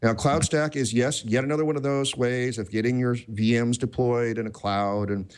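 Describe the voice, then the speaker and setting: A man's voice: mid-range voice, fairly even intonation, moderate pace, a little mellow, smooth. A man hosting a tech podcast in casual chat, rambling and self-deprecating, with many restarts. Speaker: podcast host.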